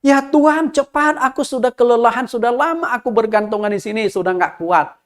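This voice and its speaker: A man's voice: extremely high pitch, fairly quick, pitched above the performer's own voice. A man voicing a desperate young male hiker hanging at a cliff edge, crying out for help. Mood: pleading. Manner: shouted cries for help.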